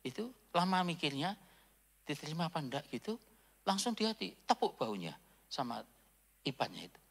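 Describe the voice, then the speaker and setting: A male pastor preaching a sermon in a casual storytelling way, jumping between loud high bursts and hushed near-whispers. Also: sing-song, a little fast. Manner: casual, with frequent filler "gitu".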